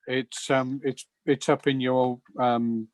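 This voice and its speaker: A man's voice: mid-range voice, little pitch movement, takes it slowly, dry recording. A man explaining something casually as a participant on a group call.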